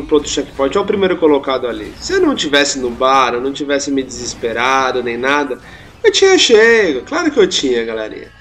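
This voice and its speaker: A young Brazilian man with a fairly high voice narrates his gameplay in a loose, chatty way. He pokes fun at his own mistakes and laughs easily. A faint hiss of noise sits under the voice. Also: a bit bright. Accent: Brazilian Portuguese. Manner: self-mocking, chatty, laughs often. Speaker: gameplay commentator. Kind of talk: casual gameplay commentary.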